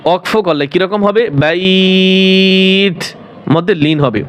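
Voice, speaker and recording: A man with a Bangladeshi Bengali accent teaching Quran recitation online, spelling out letters and vowel marks and then slowly drawing out each recited word. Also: sits high. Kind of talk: online tajweed lesson.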